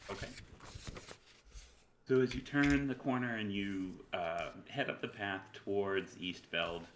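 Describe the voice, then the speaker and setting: A man's voice: lowish voice, a little slow, roomy sound, a little hiss or hum, poor audio. A man acting as game master, casually improvising narration and questions for a tabletop role-playing game.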